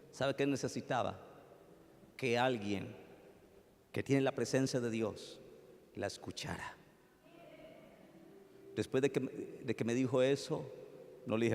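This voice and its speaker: A man with a Colombian accent, a pastor preaching a sermon and telling a story, swinging from loud pleading to hushed tones. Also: mid-range voice, long reverb tail.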